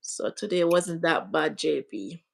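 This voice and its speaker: A woman's voice: low voice, animated, unhurried, creaky, low-quality recording. A woman hosting a casual livestream, chatting and greeting viewers by name. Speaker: livestream host.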